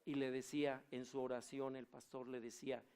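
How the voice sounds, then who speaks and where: A man's voice: mid-range voice, normal speed, clear, resonant tone. A man preaching a sermon, telling stories and asking the congregation questions. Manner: animated, storytelling, asks the congregation questions. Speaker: pastor.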